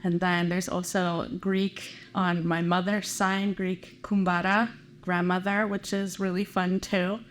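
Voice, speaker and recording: Low-voiced woman musician, enthusiastic. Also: flat delivery, unhurried, slight background noise. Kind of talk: documentary interview.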